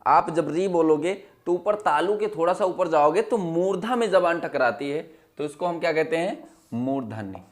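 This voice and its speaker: A male teacher with a fairly high voice leads a lesson, asking questions over and over and repeating each answer. His voice sinks low and quiet whenever he gives the answer. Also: normal speed. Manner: drops to a low, quiet voice when giving the answers. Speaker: Hindi teacher. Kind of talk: classroom lesson.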